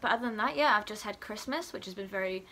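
Talking fast in a medium-pitched voice, a young woman who's a student vlogger records a casual chat to camera in her living room. She's informal, candid, and rambling, and music plays behind her.

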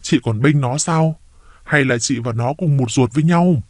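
A man's voice: medium pitch, moderate pace, darkish tone, dry recording, clean studio sound, natural voice. A man doing a furious, jealous wife. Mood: enraged. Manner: hissing, enraged.

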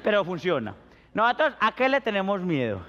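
A man with a Colombian Paisa accent hosting a TV show with a playful, animated stand-up comedy monologue. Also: high voice, brisk, big-room sound, highs cut off. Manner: animated, playful, slips into silly voices and laughs.

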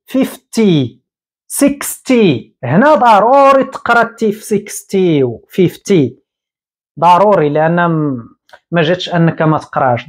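A man in his thirties with a Moroccan Arabic accent, teaching English at a whiteboard and repeating each word slowly. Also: high-pitched. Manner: explains slowly, repeating words and drawing them out. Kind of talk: whiteboard lesson. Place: small room indoors at a whiteboard.

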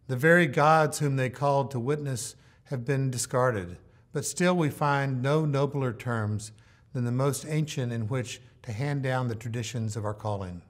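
An older man speaks with slow, solemn deliberation, giving a formal ceremonial address. He was recorded indoors in a hall, framed in a mid shot. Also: mid-range voice. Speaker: dean leading the oath. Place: hall with organ pipes behind, indoors.

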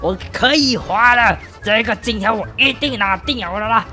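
A man's voice: high-pitched, moderate pace, pushed and bright, faint music behind. A man voicing a boastful, reckless middle-aged man who brags, whoops and yelps in a cartoonish game video. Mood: gleeful. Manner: bragging, whooping, yelping.

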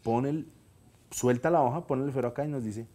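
A man's voice: medium pitch, brisk. Colombian man telling a heartfelt story. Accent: Colombian Spanish. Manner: animated, acts out quoted dialogue, earnest. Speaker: guest telling his story. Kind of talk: candid storytelling on a comedy talk show.

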